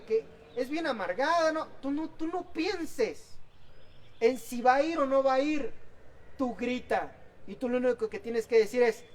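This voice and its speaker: Impassioned preacher, heard from afar. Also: male voice, very high voice. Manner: impassioned preaching, swinging between loud exhortation and soft asides. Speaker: pastor. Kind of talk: sermon. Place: outdoor church service. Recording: distant mic with faint background noise.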